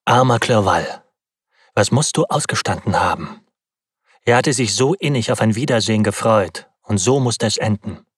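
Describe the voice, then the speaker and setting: A man reading a literary novel aloud in first person, with measured, dramatic storytelling. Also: fairly low pitch, lively intonation, breathy edge, no room sound, clean studio sound. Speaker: audiobook narrator.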